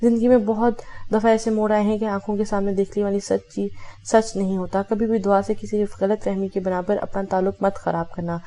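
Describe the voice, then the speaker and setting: A woman's voice: medium pitch, level tone, mellow. A woman reading a romance novel aloud, voicing every character in her own voice with small self-corrections. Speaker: audiobook narrator.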